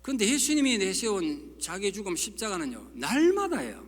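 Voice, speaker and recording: A middle-aged man preaches with a high voice, folksy and emphatic, throwing out rhetorical questions. His voice rings with the long reverb of a church sanctuary. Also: huge pitch swings, normal speed. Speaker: pastor. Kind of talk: sermon.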